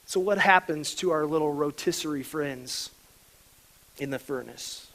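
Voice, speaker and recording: A pastor delivering a sermon, swinging between quiet reflection and emphatic, louder stretches. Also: male voice, a little high, measured pace, low-quality recording.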